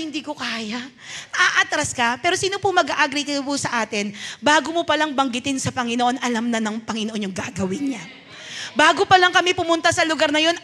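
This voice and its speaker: A middle-aged woman pastor with a Filipino accent preaches a sermon, moving between Tagalog and English as she tells a personal story and voices the people in it. Her voice sits high and sounds bright and forceful.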